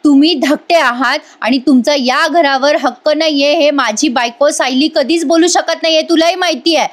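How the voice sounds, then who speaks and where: A woman's voice: sits high, normal speed, natural voice. A woman voicing a young husband who confronts his family sharply in defense of his wife. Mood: angry. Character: angry elder brother Arjun, protective husband, man.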